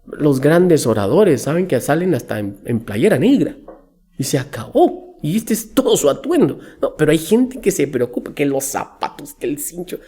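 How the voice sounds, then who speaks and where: A man speaking as a business coach in a podcast interview, telling lively stories and acting out the people he quotes. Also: a little high, normal speed, slightly rough. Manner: animated storyteller acting out quotes.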